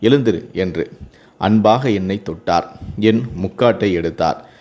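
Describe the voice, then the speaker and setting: A man narrating a first-person family drama story in a steady, earnest reading voice. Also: fairly low pitch, measured pace.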